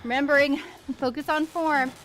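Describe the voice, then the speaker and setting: A woman's voice: high voice, steady tone, moderate pace, fairly bright tone, faint music behind. A woman giving encouraging form cues as an aerobics instructor during an outdoor workout. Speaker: fitness instructor. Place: outdoor covered wooden deck by a pond.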